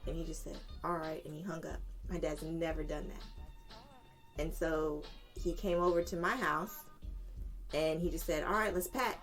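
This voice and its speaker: A woman's voice: low voice, normal speed, soft background music. A woman, a podcast guest telling a family story in candid conversation, acting out quoted voices. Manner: animated, acts out quoted voices with swearing and laughter.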